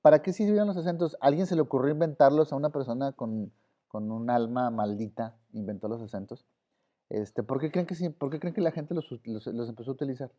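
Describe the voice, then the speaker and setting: Mexican male teacher, mellow voice. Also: mid-range voice, a little fast. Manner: casual, many fillers like "este". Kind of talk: online class lecture. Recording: slightly dull audio.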